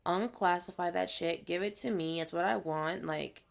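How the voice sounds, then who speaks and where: A young woman with a Minnesotan accent co-hosting a podcast in casual, animated chat, swearing freely and laughing often. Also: on the low side, normal speed, gravelly. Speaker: podcast co-host.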